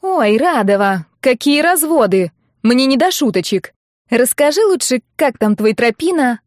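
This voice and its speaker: Brief: brash excitable young woman , voiced by a female narrator, high and loud, teasing and impatient, dry audiobook read. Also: a little slow, no echo. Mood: brash excited.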